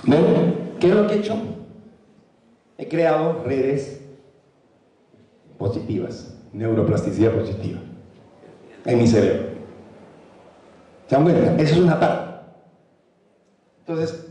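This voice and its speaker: Dark-voiced man in an echoey hall. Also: on the high side, slow pace, pauses often. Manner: animated, acts out examples and repeats for emphasis. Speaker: motivational speaker. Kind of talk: motivational talk to a university audience. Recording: echoey hall, speaker far from mic.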